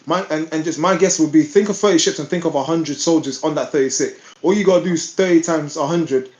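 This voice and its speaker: A man's voice: a little high, fast, a little mellow. A man co-hosting a casual podcast in a laid-back way, often calling his friend bro. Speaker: podcast co-host. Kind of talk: casual chat. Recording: echoey room.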